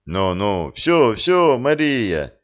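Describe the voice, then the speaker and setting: A man reading the part of a brash, mocking male partisan sergeant who talks loudly and jeers. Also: mid-range voice, sing-song, extremely slow, highs cut off. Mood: reassuring. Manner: jeering, loud.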